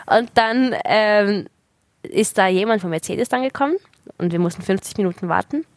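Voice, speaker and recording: A woman telling a story in casual chat, lively and laughing often. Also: medium pitch, normal speed, no room sound.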